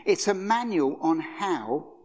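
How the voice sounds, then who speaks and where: An older man preaching with a fairly high, lively voice. He tells personal stories in a loose, conversational sermon style and often restarts his sentences. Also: slow. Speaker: guest preacher. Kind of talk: anecdotal sermon.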